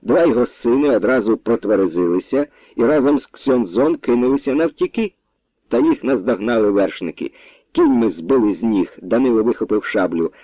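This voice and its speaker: Expressive male audiobook narrator, tinny sound. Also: medium pitch, brisk, dry recording. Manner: expressive, storytelling delivery. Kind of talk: dramatic audiobook reading. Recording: dry, tinny phone-like sound.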